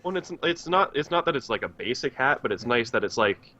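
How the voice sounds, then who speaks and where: A man's voice: mid-range voice, big pitch swings, a little fast, bright, forceful tone, lo-fi sound. A man who streams, chatting as a guest on a podcast in an easygoing, playful way. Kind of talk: casual podcast chat.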